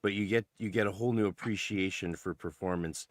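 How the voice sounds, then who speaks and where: A man chats on a podcast roundtable in a halting way, full of fillers, with a gently humorous tone. His voice is very low. The recording is dry and close. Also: fairly even intonation, no room sound. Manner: hesitant, many fillers and restarts, gently humorous. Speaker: podcast co-host. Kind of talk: casual roundtable chat.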